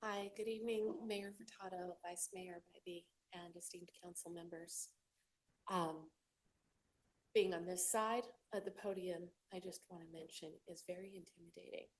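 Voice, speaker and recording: A middle-aged woman, a school board member, giving a measured, earnest public comment at a council meeting. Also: lowish voice, fairly even intonation. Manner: earnest, measured, with some fillers. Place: council chamber.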